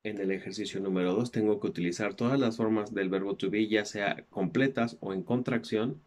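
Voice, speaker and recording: A man's voice: on the low side, fairly even intonation, brisk, a little mellow. A man with a Mexican Spanish accent, a native Spanish speaker, patiently explaining English textbook exercises with fillers like "este" and "ajá". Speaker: English teacher.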